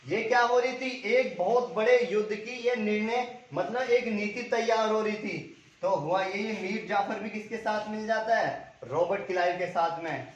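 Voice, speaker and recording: Male tutor, high voice, quizzing style; dull lo-fi recording in a boomy room. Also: normal speed. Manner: asks questions and answers them himself, repeats key names. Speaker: teacher. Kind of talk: exam-prep history lecture. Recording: echoey room, dull lo-fi sound.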